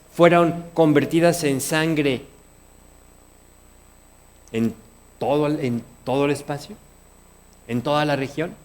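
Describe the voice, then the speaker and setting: A man's voice: fairly high pitch, a little mellow. A man with a Mexican Spanish accent preaching a sermon, earnest, often asking his congregation questions. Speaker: pastor.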